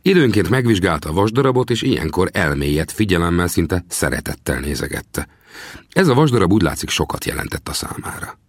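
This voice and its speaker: A man narrating an adventure novel in the first person, in steady storytelling. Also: no echo, studio quality. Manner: steady storytelling, lively pitch. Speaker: audiobook narrator.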